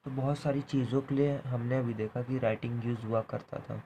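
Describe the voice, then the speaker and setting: Male tutor, flat, mellow delivery, repeats each point, faint background hum. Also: mid-range voice, a little fast, low-quality recording. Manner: repeats points, ends phrases with "theek hai". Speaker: teacher. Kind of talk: explaining a history lesson.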